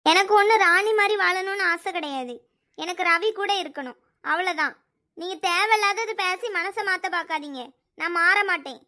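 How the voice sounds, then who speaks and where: A woman's voice: very high voice, normal speed, bright, forceful tone. A woman voicing a tearful, stubborn young woman in a cartoon, with a Thoothukudi Tamil accent, refusing firmly. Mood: tearful defiant.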